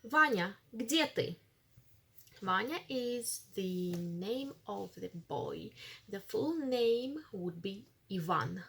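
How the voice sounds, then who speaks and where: Slow, husky woman teaching. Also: mid-range voice, expressive, fairly bright tone. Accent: Russian. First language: Russian. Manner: patient, repeats phrases and explains slowly. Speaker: language teacher. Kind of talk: screen-recorded app walkthrough lesson.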